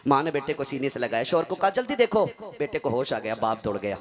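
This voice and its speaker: A man's voice: mid-range voice, big pitch swings, fast. A man preaching an emotional, dramatic Islamic sermon, telling a story with fervor. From India. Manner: impassioned, dramatic, fervent. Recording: live gathering with audible crowd.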